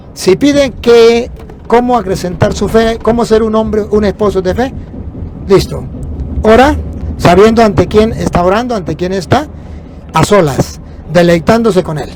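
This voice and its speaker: A faint hum from a moving bus runs under a man preaching with emphasis. His voice is higher than most men's and a little mellow. He puts rhetorical questions forward and answers them himself.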